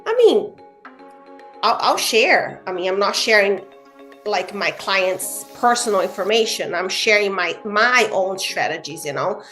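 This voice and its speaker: A woman from Brazil, a guest realtor speaking in a casual interview, earnest and animated, with frequent "you know" fillers. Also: mid-range voice, measured pace, soft background music.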